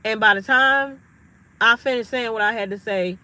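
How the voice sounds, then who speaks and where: Emphatic woman with a bright voice. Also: on the high side, moderate pace, low-quality recording. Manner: emphatic, animated storytelling. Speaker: astrology vlogger. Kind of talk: casual monologue to viewers.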